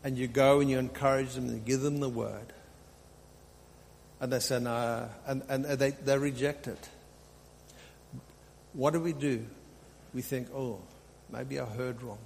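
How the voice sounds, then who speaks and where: Speaking a little slowly, this pastor has a gravelly, slightly mellow medium-pitched voice, holding a steady tone and leaving long pauses. His unscripted sermon urges the congregation on, with phrases repeated for weight. Hall reverb fills the big room, along with a faint hum and background noise.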